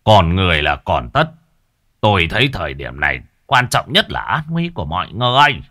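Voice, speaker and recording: A man's voice: sits low, sing-song, a little fast, sharp tone, exaggerated voice. A man voicing a deferential older village chief who speaks humbly and pleads. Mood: pleading.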